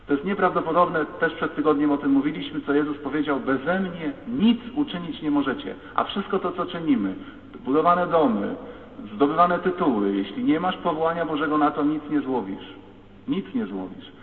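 A priest delivers an emphatic sermon, his voice now and then climbing to loud declamation. The sound comes from across a large church with a long reverb tail. It is thin and narrow, like a phone line. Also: fairly high pitch, fairly quick. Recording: echoey church heard from far, phone-like sound.

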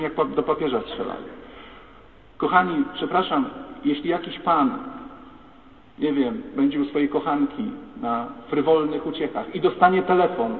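Preaching priest in an echoing hall. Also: male voice, on the high side, recorded from a distance. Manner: rhetorical, addresses the congregation directly. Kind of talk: sermon. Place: large church. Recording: echoey church hall, tinny phone-like sound.

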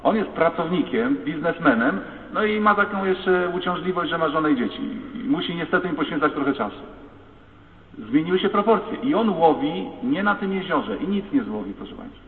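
A man's voice: fairly high pitch, lively intonation, moderate pace. Man, priest, emphatic sermon, distant mic, thin phone-like sound. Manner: emphatic, rising to loud declamation. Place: church. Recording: echoey church heard from far, phone-like sound.

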